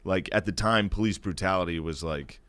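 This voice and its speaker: A man's voice: low-pitched, a little fast, fairly bright tone. A man who is a comedian guest, talking casually on a podcast in a loose, profane way, often laughing and trailing off.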